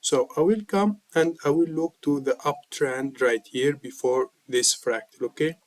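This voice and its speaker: Guy a bit sick walking thru a chart lesson, mid pitch, keeps saying okay. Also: measured pace, poor audio. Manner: repetitive, checks in with "okay?". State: slightly sick voice. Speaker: trading mentor.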